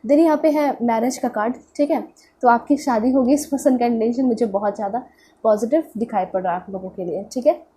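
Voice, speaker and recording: Fairly quick and fairly high, her husky, dark-toned voice comes through nasal and pinched from a cold. She's a tarot reader with an Indian accent doing an informal reading. Her speech mixes in English words and repeats check-in phrases.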